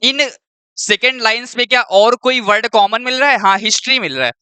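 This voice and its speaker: Bright, crisp-voiced male teacher. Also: extremely high pitch, expressive, brisk, dry recording. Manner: checks in with students often and keeps saying "your". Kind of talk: exam-prep lesson worked through step by step.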